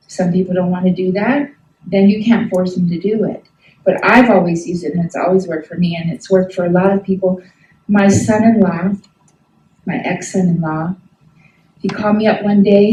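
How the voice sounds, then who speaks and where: A middle-aged woman teaches a class in an emphatic, folksy way and keeps asking her listeners questions. Her voice is soft and mellow. She sounds a little distant from the mic, in a room with plenty of echo. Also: mid-range voice. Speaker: health ministry instructor.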